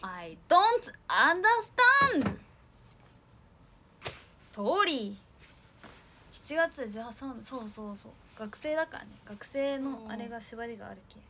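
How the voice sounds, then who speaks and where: Young female streamer, chatty, slightly high voice, reads comments aloud, faint hiss behind. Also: a little fast, few pauses, darkish tone. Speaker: idol livestreamer. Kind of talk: casual livestream chat.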